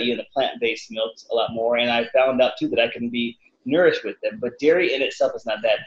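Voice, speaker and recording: A man in his thirties, a fitness cook answering interview questions casually over a video call from his living room, lively and acting out quotes. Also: mid-range voice. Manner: animated, acts out quotes with voices. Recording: roomy, slightly dull video call audio.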